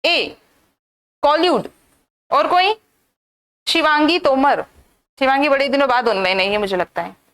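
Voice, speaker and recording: A woman's voice: sits high, unhurried, pauses often, a bit bright. A woman teaching English vocabulary in a live online class, drilling students with rhetorical questions and scolding them now and then. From India.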